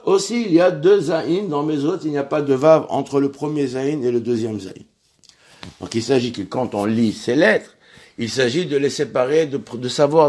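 A man's voice: mid-range voice, a little mellow. Guy teaching a prayer class, stops and repeats himself a lot, sounds out hebrew letters. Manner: halting, repeats words while searching. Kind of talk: religious lesson.

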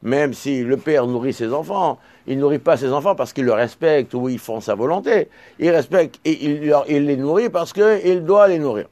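Male Torah teacher, slightly high voice, dry recording, reads texts slowly, explains with restarts. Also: mellow, no room sound. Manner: halting, repeats and restarts words while explaining; slows down to read out texts. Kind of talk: Talmud lesson, reading Hebrew and Aramaic then explaining in French.

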